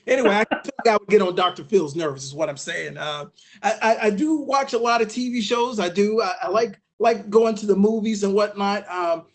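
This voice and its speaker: A man from Savannah, Georgia, doing a stand-up comedy set for an online webinar, animated and acting out voices with sudden loud bursts. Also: sits high, moderate pace.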